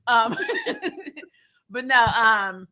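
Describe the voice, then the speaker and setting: A woman hosting a movie review show speaks very slowly in a fairly high, pushed and bright voice. She chats casually through a joking film review, giggly and laughing often, with a sarcastic, blunt, salty edge.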